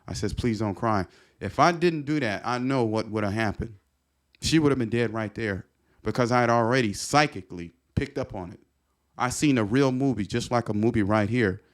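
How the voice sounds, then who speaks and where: A man's voice: medium pitch, brisk. A middle-aged man telling a personal story as a podcast guest, earnest and repetitive, often restarting his sentences.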